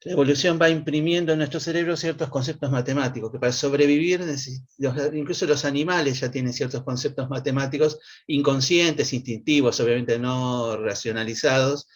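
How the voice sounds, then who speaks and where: A man, speaking as an interview guest and explaining his ideas casually, thinking aloud as he goes. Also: mid-range voice. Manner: thinks aloud, with restarts and fillers. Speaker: guest, mathematician and philosopher. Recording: lo-fi, dull audio.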